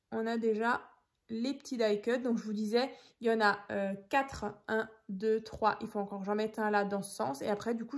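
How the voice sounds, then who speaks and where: A woman hosting a casual craft tutorial, chatting and thinking aloud as she works and counts out pieces. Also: a little high. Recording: echoey room.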